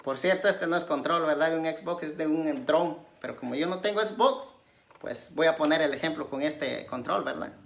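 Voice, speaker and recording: A woman preacher giving a conversational sermon, constantly checking in with her listeners and alternating loud emphatic questions with quiet asides. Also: moderate pace, gravelly, a little hiss or hum. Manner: conversational, tags nearly every phrase with a questioning aside; swings between raised emphatic questions and low asides.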